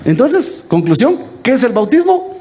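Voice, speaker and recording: A man's voice: very high voice, sing-song, moderate pace, warm tone, slight background noise. A Guatemalan priest giving a homily, teasing his congregation and quizzing them with the same question again and again. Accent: Guatemalan Spanish. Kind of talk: lively interactive homily. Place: church.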